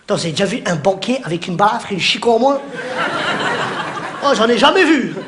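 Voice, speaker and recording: A man performing stand-up comedy, teasing the crowd in rapid banter and shouting his punchlines. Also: sits high, lively intonation. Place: theatre stage before a live audience. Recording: live show with audience laughter and noise.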